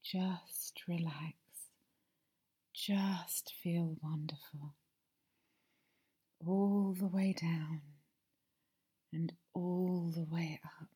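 A woman performs a gentle ASMR masseuse roleplay, shifting from hushed speech to whispers in a breathy, mellow, slightly low voice. Her intonation stays fairly even, and she speaks very slowly, pausing often and taking her time with each phrase.

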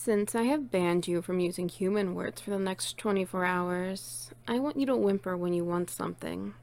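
A woman's voice: fairly low pitch, moderate pace, creaky, a little mellow. A woman playing a playful, teasing, bossy friend in an intimate one-sided audio role-play, coaxing and doting on the listener. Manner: teasing, coaxing, cooing praise.

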